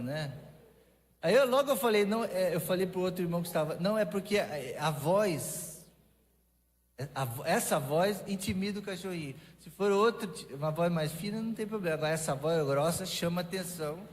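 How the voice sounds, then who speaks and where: Man, pastor, Brazilian Portuguese accent, conversational sermon, frequent restarts, long church reverb. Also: high voice. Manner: conversational preaching with restarts and lively asides. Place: church sanctuary.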